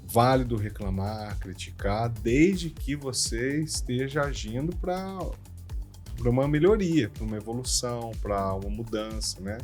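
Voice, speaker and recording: A man's voice: mid-range voice, animated, measured pace, darkish tone, faint music behind. Brazilian man hosting a casual podcast. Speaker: podcast host.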